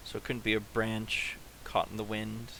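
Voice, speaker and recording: A man narrating a tabletop role-playing game as game master, in a halting, unhurried way. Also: lowish voice, monotone, vocal fry, pushed and bright, slight background noise, low-quality recording. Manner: slow, halting narration with pauses.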